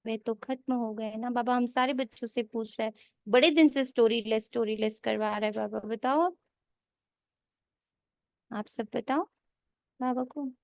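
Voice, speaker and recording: Woman, spiritual teacher, sermon, slow and emphatic, higher voice, dry close sound. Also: no echo. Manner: slow, emphatic, repeats key lines; mixes English phrases into her talk. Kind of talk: sermon explaining a daily scripture reading.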